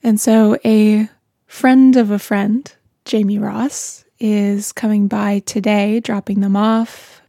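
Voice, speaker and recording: Slow, gravelly-voiced woman half-whispering at home. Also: medium pitch, dry recording, studio quality. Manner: soft, often slips into a whisper. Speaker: podcast host. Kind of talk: casual audio diary. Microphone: handheld mic.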